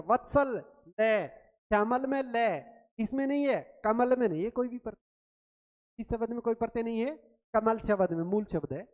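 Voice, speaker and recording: A woman teaching a grammar quiz lesson, asking questions and answering them herself, repeating key words slowly. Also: a little high, darkish tone. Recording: long reverb, roomy sound.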